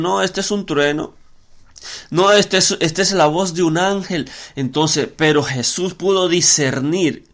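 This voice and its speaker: A man delivers a podcast sermon in a somewhat high voice. He teaches the scripture passage by passage, stumbling and restarting often and repeating words as he searches for the next thought. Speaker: preacher.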